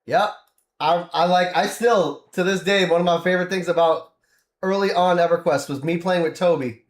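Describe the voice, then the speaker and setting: A man's voice: sits high, moderate pace, reverberant. A man casually chatting while streaming a game, rambling and laughing often as he plays.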